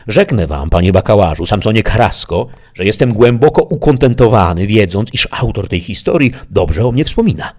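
A man's voice: fairly low pitch, darkish tone, husky. A man doing Sancho, grumbling peasant squire. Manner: folksy, complaining. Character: crude talkative peasant squire, grumbling and folksy. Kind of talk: audiobook reading with voices.

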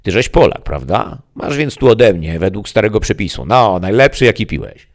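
A man's voice: fairly low pitch, very animated, moderate pace, voice pushed up. A man voicing a sour, grumpy old male devil tending bar in an audiobook story. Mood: gruff. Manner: gruff and sour.

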